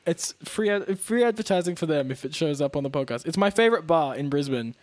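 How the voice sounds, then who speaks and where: A man's voice: on the high side, lively intonation, brisk, a little mellow, no echo. A man co-hosting a casual podcast, talking loosely with lots of fillers and frequent laughs. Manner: chatty, laughs often, trails off with fillers. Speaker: podcast co-host. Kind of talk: casual chat.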